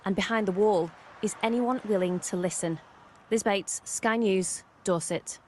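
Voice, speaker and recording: A woman TV news reporter delivering a scripted report in a measured, formal way. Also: mid-range voice, darkish tone, slight background noise.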